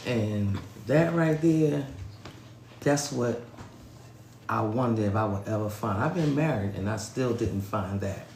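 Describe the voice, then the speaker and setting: A man's voice: fairly low pitch, measured pace, darkish tone. A man co-hosting a podcast, chatting animatedly and reacting. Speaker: podcast co-host. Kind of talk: casual chat. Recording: roomy echo with faint noise.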